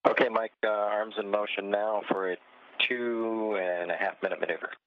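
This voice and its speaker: A man's voice: fairly low pitch, fairly even intonation, normal speed. A man giving terse, clipped procedural calls over a crackly space-to-ground radio loop. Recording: tinny radio line, distant.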